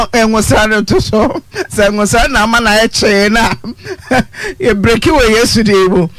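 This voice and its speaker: A Ghanaian woman hosting a radio phone-in, pressing a caller with sharp questions and mocking laughter. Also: on the high side. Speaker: radio host. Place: radio studio. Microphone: studio mic.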